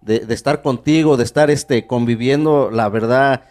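A man's voice: medium pitch, normal speed, a little mellow. Eager rambling Mexican man hosting. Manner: eager, rambling, full of restarts. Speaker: podcast host. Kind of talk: casual podcast conversation.

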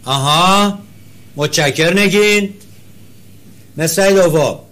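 A male teacher leading an interactive class, calling on students by name, praising their answers and chanting syllables slowly to show the rhythm. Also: high-pitched, a bit bright.

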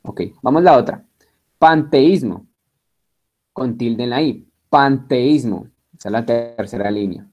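Guy giving a bible class, chatty and jokey, spells words out slow, keeps asking if everyone's got it. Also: mid-range voice, lively intonation, mellow, highs cut off. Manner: spells words out and checks students follow along; chatty and joking, with many restarts. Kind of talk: classroom lecture.

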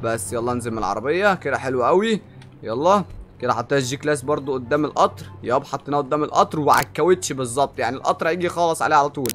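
A young man with an Egyptian Arabic accent doing excitable gameplay commentary, often shouting and drawling in amazement. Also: medium pitch, rapid-fire. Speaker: gaming YouTuber.

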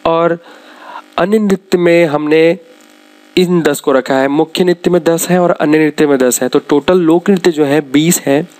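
Brisk man with a raised voice. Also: a little high, a little mellow. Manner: brisk, lists items one after another with frequent pauses to explain. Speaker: exam-prep teacher. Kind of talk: slide-based lecture.

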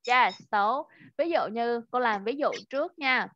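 A woman's voice: fairly high pitch, animated, a little slow. A woman with a Vietnamese accent teaching English to a child in an online lesson, patiently drilling pronunciation and encouraging the student. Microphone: video call. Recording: dull, dry video call audio.

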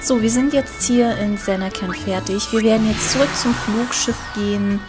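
Woman chatting over clear game music. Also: fairly high pitch, normal speed. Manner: chatty, thinking aloud. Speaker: let's player. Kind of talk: casual game commentary.

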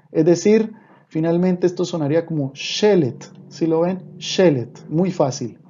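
A man's voice: a little high, warm tone. A man teaching an online language lesson, patiently repeating each point and often checking in with his listeners. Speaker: Hebrew teacher. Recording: slightly dull, muffled recording.

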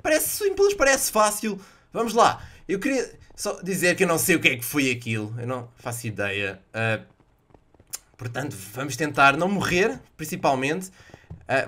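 Excitable young Portuguese gamer, high bright voice. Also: male voice. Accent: European Portuguese. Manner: excitable, exclaims loudly at misses, jokey sound effects. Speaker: gaming youtuber. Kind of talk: live gameplay commentary.

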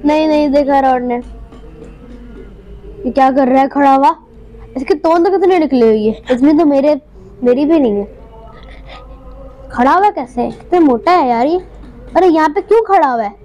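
A woman hosting a gaming channel, giving playful, jokey live commentary over a game with panicky, excitable outbursts. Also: high-pitched, normal speed, long pauses, lo-fi sound.

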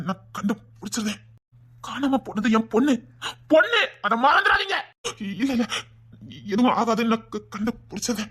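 A performer with a Tirunelveli Tamil accent acts a furious father in a family drama, scolding, shouting and threatening over a missing daughter. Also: medium pitch. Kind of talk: village family drama acting.

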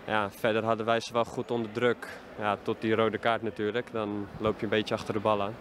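A man's voice: on the low side, monotone, fairly quick, fairly bright tone. Hesitant young male footballer outdoors. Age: 20s. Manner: hesitant, many fillers. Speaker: football player. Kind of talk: post-match interview. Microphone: handheld reporter mic held up to him. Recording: faint outdoor noise.

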